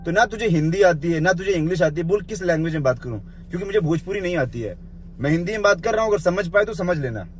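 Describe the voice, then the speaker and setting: A man with a noticeably high-pitched voice goes through a rival's claims point by point in a heated vlog rant. He scolds bluntly, speaking to the other man directly with the informal "you.". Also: animated, quick pace, slight background noise. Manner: scolding, addresses the listener with the blunt informal 'you'; point-by-point rebuttal. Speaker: vlogger responding to a rival's live video. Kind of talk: confrontational rant to camera.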